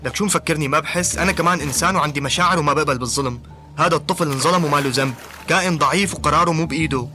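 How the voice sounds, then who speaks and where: A man's voice: fairly high pitch, rapid-fire, background noise, lightly acted. A man playing a defensive Syrian passenger who argues for the checkpoint, with a Syrian Arabic accent. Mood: indignant. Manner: defensive, argumentative.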